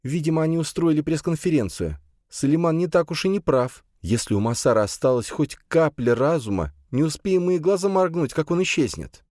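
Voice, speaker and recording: A man's voice: a little high, expressive, fairly quick, a little mellow, no room sound, clean studio sound, pitched above the performer's own voice, lightly acted. A man voicing a distressed, bitter young woman in a raised, strained voice.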